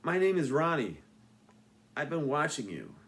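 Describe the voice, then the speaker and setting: A man voicing an odd, nerdy teenage boy who is strangely sure of himself, speaking in a slow, deliberate, quirky way. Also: fairly high pitch, sing-song, a bit bright, slight background noise, heavily acted. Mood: calm.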